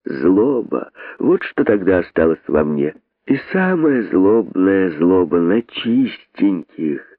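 A man's voice: deep voice, sing-song, slow, no echo, full character voice. An actor reading an audiobook, voicing a bitter, cynical male rabbit who speaks in a sneering, jittery way, on tinny phone-like audio.

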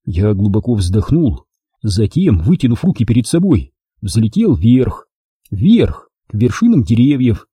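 A man's voice: medium pitch, sing-song, measured pace, dark tone, slightly rough, no echo. A man narrating a children's story in the first person as an audiobook reader.

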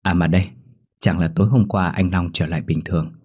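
A man's voice: deep voice, fairly even intonation, a little fast, darkish tone, breathy edge. A man voicing a polite adult man who speaks hurriedly with small hesitations, in a horror story reading.

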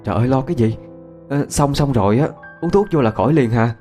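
A man voicing a lively young village girl who teases and scolds her friend. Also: medium pitch, faint music behind, voice pushed up, close to an everyday voice. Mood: teasing. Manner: teasing, quick, scolding.

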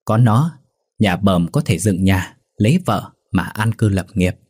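A man's voice: fairly low pitch, expressive, a little slow, darkish tone, breathy edge, no room sound, studio quality. A man voicing a greedy, crafty old village landlord in a folk storybook tale, coaxing and blustering.

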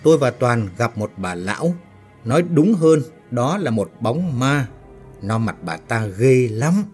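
A man's voice: mid-range voice, very animated, measured pace, darkish tone, faint music behind. A man voicing a frightened, confused young male worker who stammers and cries out in panic.

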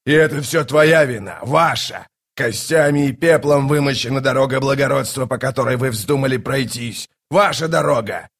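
A man's voice: medium pitch, normal speed, slightly rough. A man voicing a scornful ancient tyrant king in an audiobook, mocking and boastful. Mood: raging. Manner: mocking, boastful, erupts into shouting. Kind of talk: audiobook character voice.

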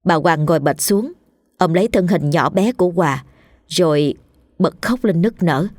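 A woman narrating a ghost story in a steady, measured scripted reading. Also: on the low side, no echo, clean studio sound. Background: faint music.

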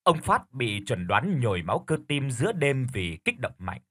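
A man narrating a horror audiobook in a calm, measured storytelling voice. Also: medium pitch, no room sound, studio quality.

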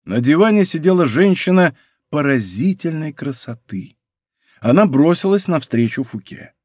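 A man's voice: on the high side, sing-song, moderate pace, a little mellow, no echo. Man narrating a historical novel, dry. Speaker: audiobook narrator. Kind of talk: scripted literary narration. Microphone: close studio microphone.

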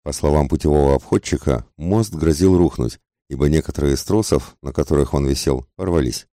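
A man reading an audiobook in a measured, even way. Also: extremely low pitch, no echo, studio quality. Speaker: audiobook narrator. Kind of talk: audiobook narration.

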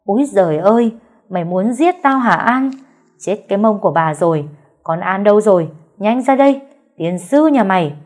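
A woman putting on a shrill scolding mother-in-law. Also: lively intonation, moderate pace, natural voice. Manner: shrill, shouting and berating.

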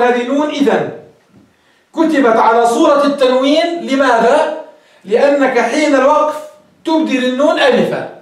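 A man with a very high voice gives a grammar lesson, explaining each point step by step and firing questions at his students. His voice rings around a strongly echoing classroom, picked up by a microphone some way off. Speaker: teacher of Arabic grammar. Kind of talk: classroom lecture. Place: classroom with a board. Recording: very echoey room, mic far off.

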